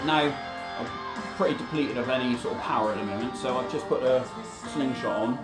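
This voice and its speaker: A man talks casually through his training session, at an ordinary middle pitch. He explains as he goes, with plenty of ums and restarts, and clear guitar music plays behind him. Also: fairly quick, rough recording. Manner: relaxed, hesitant with frequent ums. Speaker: fitness vlogger.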